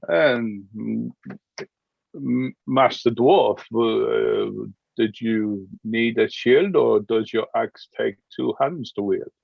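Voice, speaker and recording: Guy as tired unsure soldier in tabletop game, super croaky husky voice, slow n halting. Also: medium pitch, no room sound, exaggerated voice. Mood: hesitant. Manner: halting, groping for words. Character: weary, hesitant, disillusioned male Bretonnian soldier. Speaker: game master. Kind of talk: improvised tabletop role-play. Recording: dull, lo-fi close audio.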